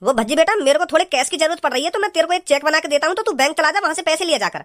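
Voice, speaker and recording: Casting: a performer doing a bossy, scolding gang boss, high and quick, pitched-up cartoon voice. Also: expressive, fairly bright tone. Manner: domineering, scolding, crude. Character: bossy, greedy thief gang leader and stern father.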